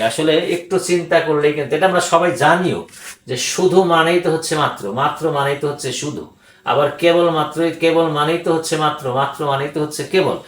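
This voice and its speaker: An older man giving a grammar lesson, speaking deliberately, repeating words for emphasis and pausing with hesitations. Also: a little high, fairly bright tone. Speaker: grammar teacher. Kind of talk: grammar lecture. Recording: echoey room.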